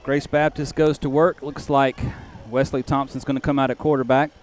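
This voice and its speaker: A man calls live football play-by-play from an outdoor stadium. He narrates each snap briskly as it unfolds. A faint hum of background noise sits under his voice. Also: mid-range voice, little pitch movement. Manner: brisk, calls plays as they happen. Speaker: play-by-play announcer.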